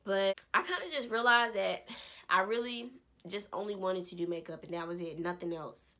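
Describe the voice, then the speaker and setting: A young woman in her twenties casually telling an animated story about her life. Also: mid-range voice, normal speed. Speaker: vlogger. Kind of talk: story time vlog.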